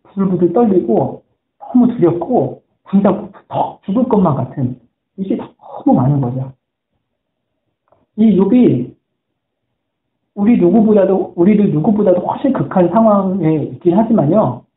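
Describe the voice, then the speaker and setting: A man's voice: high-pitched, expressive, unhurried. A man preaching a sermon as a pastor, earnest and telling stories in which he quotes people's words. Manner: earnest storytelling, quoting voices. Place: church sanctuary. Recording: echoey room on a tinny phone-like line.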